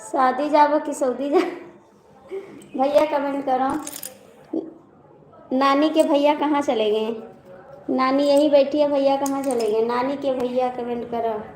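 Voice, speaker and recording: A woman's voice: high-pitched, fairly even intonation, unhurried, long pauses, a little mellow. A woman with an Awadhi accent hosting a casual live stream, chatting with viewers, teasing them and reading out their comments. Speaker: live-stream host and folk singer. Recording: echoey room with faint background noise.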